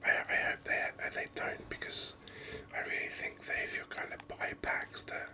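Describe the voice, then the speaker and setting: Close to the microphone, this host of a gaming video whispers in a gentle, unhurried ASMR manner, reflecting on the game along the way.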